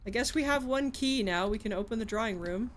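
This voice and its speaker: A woman's voice: fairly high pitch, a little fast, slight background noise. A woman streamer commentating a puzzle game live, swearing and pleading in frustration.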